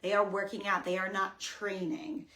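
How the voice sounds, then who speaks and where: A woman fitness coach co-hosting a casual coaching webinar, emphatic and energetic, often checking in with listeners. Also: mid-range voice, normal speed.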